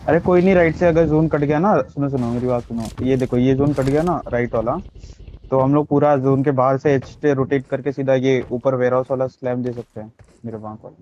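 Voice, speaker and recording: A man's voice: mid-range voice, fairly even intonation, brisk, mellow. A man in game voice chat, teasing teammates and laying out strategy. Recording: noisy game audio behind.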